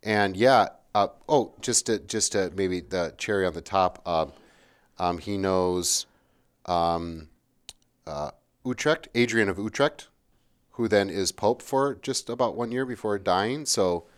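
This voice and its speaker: A man's voice: deep voice, slow pace, smooth. A man in a casual history chat, rambling and checking in with his partner as he goes.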